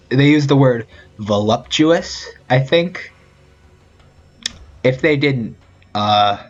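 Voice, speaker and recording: A young man hosting a let's play of a visual novel, rambling, giggling and correcting himself as he reads. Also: medium pitch. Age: young adult. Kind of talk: casual game commentary. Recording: dull lo-fi audio with faint music.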